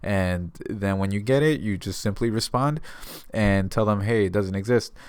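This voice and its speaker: Speaking at a moderate pace, a man with a fairly low, clear and resonant voice comes through on a dry recording. He's an American notary from around San Diego, California, casually advising his viewers and retelling exchanges to explain things in a relaxed vlog style.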